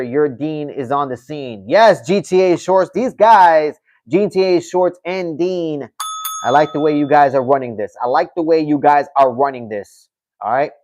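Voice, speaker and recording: This livestream host has a fairly high-pitched, darkish voice. He reads viewer comments out and replies casually and chattily, often saying "you know what I mean."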